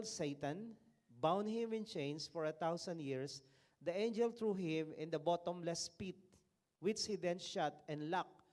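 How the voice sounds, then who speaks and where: Animated preaching man, fairly high voice. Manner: animated, joking preacher who reads scripture aloud. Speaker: pastor. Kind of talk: sermon.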